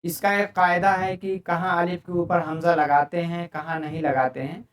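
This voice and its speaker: A man's voice: a little high, level tone, normal speed, distant mic. A man teaching an online grammar lesson, explaining patiently and repeating each term in several languages. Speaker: Arabic teacher. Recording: echoey room, speaker away from mic.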